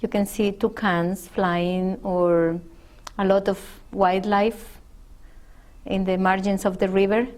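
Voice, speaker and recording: Middle-aged woman from mexico, spanish is her first language, talks real slow and careful, lots of pauses. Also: medium pitch, flat delivery, a little mellow. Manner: slow, thoughtful, with pauses and fillers. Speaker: interviewee. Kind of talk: unscripted interview answers.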